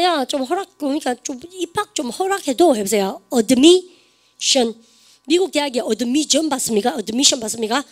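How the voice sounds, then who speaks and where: A woman teaching an online English grammar lesson, quizzing her students with quick questions. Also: sits high.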